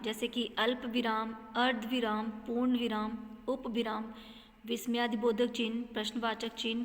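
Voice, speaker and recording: Woman teacher, patient classroom explainer, higher voice, reverberant room. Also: a bit bright. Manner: explains patiently, checks in with "ठीक है". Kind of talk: classroom lesson.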